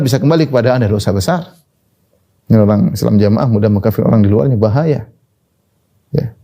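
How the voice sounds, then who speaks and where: Male preacher, animated scolding sermon, warm mellow tone. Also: mid-range voice. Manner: lively, scolding, mixes Arabic quotations.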